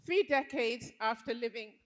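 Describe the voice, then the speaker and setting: Speaking at a moderate pace in a slightly high voice, a woman from Liberia recounts a true story on stage before a live audience. Her delivery is earnest and reflective, and the hall adds a long reverb.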